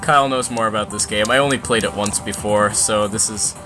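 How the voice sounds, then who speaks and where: A man casually commenting on a game he is playing, excitable and quick to laugh, with game music behind. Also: fairly low pitch. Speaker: let's play host.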